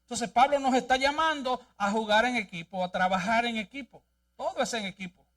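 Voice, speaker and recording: A man's voice: extremely high pitch, brisk, a bit bright, recorded from a distance. A male pastor preaching a sermon and reading scripture aloud in a church, with an emphatic delivery. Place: church sanctuary.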